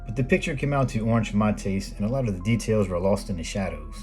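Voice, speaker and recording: With music playing behind him, a middle-aged American man reads scripted narration for a photography video he hosts. His delivery is measured and plainly explanatory, and his voice is on the low side with a darkish tone.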